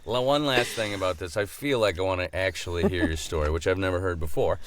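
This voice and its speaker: A man's voice: deep voice, fast talker, a little hiss or hum. A man co-hosting a podcast in casual chat, with a dry, joking manner. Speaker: podcast co-host.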